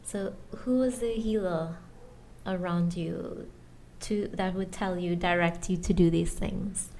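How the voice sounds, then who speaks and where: A woman's voice: on the low side, steady tone, slow, a little mellow. A woman working as an interviewer, putting open questions to a guest. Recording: faint background ambient noise.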